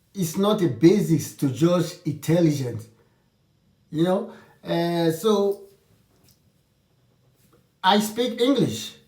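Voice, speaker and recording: His voice sits high and is a little mellow. This vlogger speaks to camera with casual advice for his channel's audience, opinionated and frank, repeatedly restarting sentences, while the far-off mic picks up a roomy echo.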